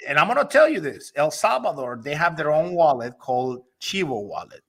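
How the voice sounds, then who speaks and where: A man's voice: a little high, big pitch swings, a little fast, fairly bright tone. A man from Honduras, an investor and company executive, talking eagerly and persuasively in a casual interview, often restarting his sentences.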